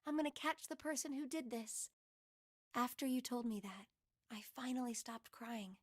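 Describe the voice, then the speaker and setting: A woman voicing a gentle young woman in a video game who softly recalls her childhood. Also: a little high, normal speed, lightly acted. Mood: wistful.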